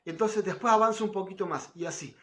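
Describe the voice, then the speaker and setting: This middle-aged man teaching a devotional class speaks fast in a high, slightly bright voice. His relaxed, conversational style is full of tag questions aimed at his listeners, and he quotes others in a lifted voice.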